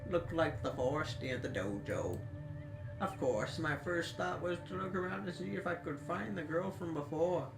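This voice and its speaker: Gravelly man reading game narration. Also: a little high, normal speed, recorded from a distance. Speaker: co-host reading a visual novel aloud. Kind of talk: casual let's-read narration. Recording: echoey room with background music.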